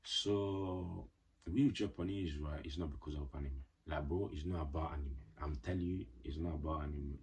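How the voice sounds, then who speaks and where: Speaking at a moderate pace in an extremely low, darkish and slightly rough voice, a young vlogger with Ghanaian parents shares a personal story on his channel. The telling is casual and rambling, leaning heavily on "like" and "you know" along with playful, slangy asides.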